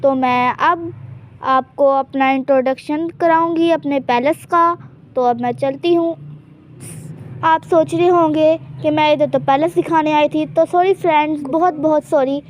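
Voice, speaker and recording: High-voiced woman chatting through game role-play. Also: steady tone, measured pace, a little hiss or hum. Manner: chatty and teasing, keeps hinting at secrets. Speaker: gameplay channel host. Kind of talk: casual in-character game role-play narration.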